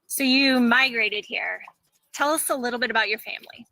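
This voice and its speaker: A woman hosts an interview, asking friendly, measured questions. Her voice is very bright and a little high. The sound is dry and close, with no room echo. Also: creaky. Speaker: host. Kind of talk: podcast interview hosting.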